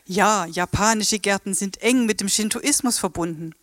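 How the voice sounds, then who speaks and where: A woman's voice: mid-range voice, moderate pace, fairly bright tone, dry recording, clean studio sound, natural voice. An actress playing a polite, formal Japanese woman tour guide in a radio play.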